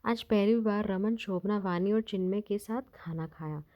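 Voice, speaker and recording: A woman narrating a scripted moral family story in an even, steady reading voice. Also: medium pitch, moderate pace. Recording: dull lo-fi recording.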